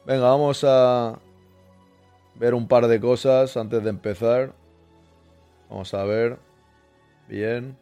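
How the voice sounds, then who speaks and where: A man's voice: medium pitch, steady tone, slow pace, pauses often, mellow, smooth, no echo, faint music behind. A man hosting a live podcast stream, chatting and joking while reading viewers' messages aloud. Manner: jokey, chatty, reads chat messages aloud. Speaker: podcast host.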